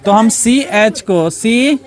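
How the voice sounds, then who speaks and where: A man's voice: high voice, expressive, drawn-out words. A male teacher leading a classroom lesson, firing repeated questions at his students for them to answer back. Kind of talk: classroom lesson with call-and-response. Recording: class chatter and student replies behind.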